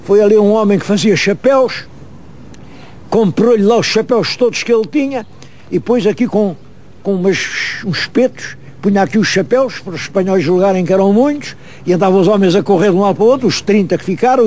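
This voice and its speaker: A man with a European Portuguese accent presents history on location, vividly recounting a local tale directly to camera for his viewers. He talks a little fast, his high-sitting voice slightly mellow.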